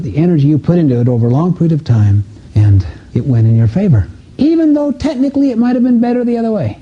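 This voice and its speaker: In muffled, dull lo-fi audio, a seminar speaker lectures on motivation. His husky voice is dark in tone and mid-range in pitch, and he shares stories with earnest emphasis.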